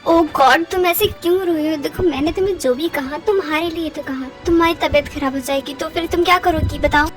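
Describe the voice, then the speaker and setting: A woman's voice: high-pitched, fairly quick, close to an everyday voice. A woman voicing a protective, bossy young man in a fan audio drama, scolding and doting by turns. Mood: pleading. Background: background music.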